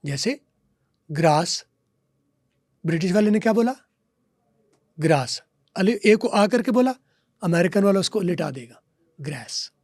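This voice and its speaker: A man's voice: high voice, lively intonation, a little fast, darkish tone, dry recording. Male teacher, dry close sound, quizzes and drills example words. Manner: lecturing, repeats example words and asks quiz questions. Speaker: English teacher guest. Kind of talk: podcast interview, explaining.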